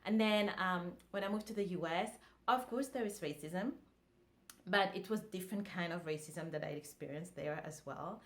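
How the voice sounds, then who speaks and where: A relaxed French woman vlogs casually to camera in a fairly low voice at a moderate pace. Her talk is conversational and full of fillers and restarts.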